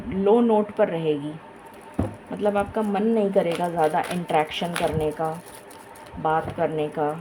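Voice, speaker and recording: A woman giving a tarot reading in a slow, effortful way, tired and with a dry throat. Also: fairly low pitch, noisy background. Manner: slow, tired, effortful Hindi-English mix with many pauses. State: low energy, dry throat. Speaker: tarot reader. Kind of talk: casual tarot reading to camera.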